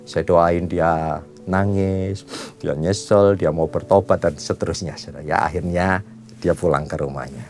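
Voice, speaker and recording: A man in his fifties preaching a sermon as a pastor, animated, with sudden leaps in pitch, often calling for amen. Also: a little slow, faint music behind. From Indonesia. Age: 50s.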